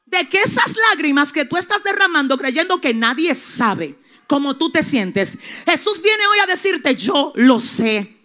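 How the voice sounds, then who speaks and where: Woman pastor, fervent sermon, high bright voice, hushed to shouting, addresses the congregation. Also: very animated, moderate pace. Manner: impassioned, swings from hushed to shouting; calls out to the congregation directly.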